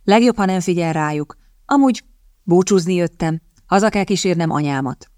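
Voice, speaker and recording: A woman reading the part of an amused young English gentleman who talks lightly and offhandedly. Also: high voice, clear, resonant tone, no echo, clean studio sound, natural voice.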